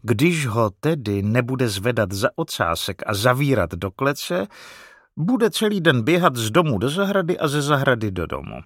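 A man voicing a big, calm English father in a storybook reading, reassuring and steady. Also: medium pitch, dry recording, studio quality.

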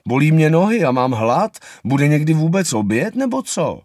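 A little anteater boy, restless and hungry, whines and pipes up eagerly, as a male reader voices him. The pitch jumps far above the reader's own, bright and lively. A children's story read aloud. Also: no room sound, studio quality. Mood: whiny. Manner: whiny, curious.

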